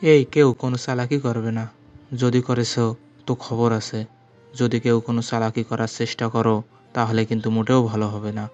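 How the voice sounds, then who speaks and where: A man's voice: medium pitch, flat delivery, moderate pace, a little mellow, muffled recording, soft background music, close to an everyday voice. A man voicing a threatening plane hijacker who barks blunt orders. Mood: menacing. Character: menacing male plane hijacker, gruff and threatening.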